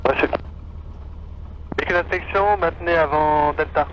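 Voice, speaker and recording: A man working as an air traffic controller, giving procedural clearances over a radio. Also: fairly high pitch, moderate pace. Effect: heard over a radio. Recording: muffled, very noisy aviation radio.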